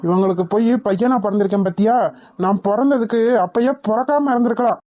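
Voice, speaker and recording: A woman's voice: medium pitch, fast, warm tone, close to an everyday voice. A woman voicing a bitter, grieving young man in a cartoon, resentful and angry. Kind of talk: cartoon voice acting.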